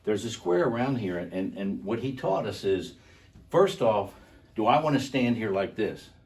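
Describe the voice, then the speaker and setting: A man's voice: fairly low pitch, lively intonation, normal speed, a little mellow, distant mic. An older man co-hosting a show, animatedly telling a self-defense story and demonstrating moves, laughing often. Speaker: co-host, karate instructor.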